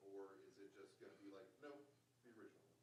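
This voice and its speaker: Deep-voiced reporter in a roomy hall. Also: male voice, monotone, a little mellow. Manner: halting, rephrases questions, many fillers. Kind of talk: press conference question. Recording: roomy and distant with background noise.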